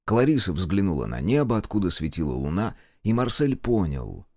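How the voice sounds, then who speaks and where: A male narrator reads a novel aloud in scripted audiobook style. His voice is fairly low but moves around a lot in pitch, giving the story an animated lilt. The recording is dry and close, with no room sound. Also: moderate pace, no echo.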